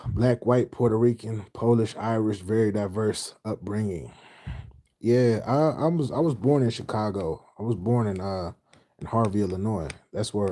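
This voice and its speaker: A middle-aged man from Houston, Texas hosts a late-night livestream, casually chatting and reading comments from the chat. His mid-range voice is mellow with a breathy edge, and he talks loosely in slang, repeating phrases and trailing off mid-thought.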